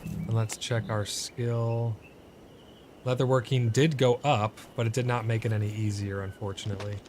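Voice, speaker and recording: A man's voice: fairly low pitch, flat delivery, normal speed, darkish tone, a little hiss or hum. A man giving casual gameplay commentary, often exasperated and swearing at his bad luck while crafting. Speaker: gameplay streamer.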